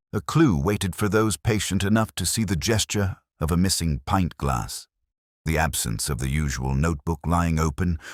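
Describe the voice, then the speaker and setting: Man playing Inspector Morse, very deep, pensive detective. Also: no echo, studio quality, heavily acted. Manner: measured, reflective, literary. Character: pensive, melancholy male English detective inspector, bookish and observant. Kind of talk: scripted first-person mystery narration.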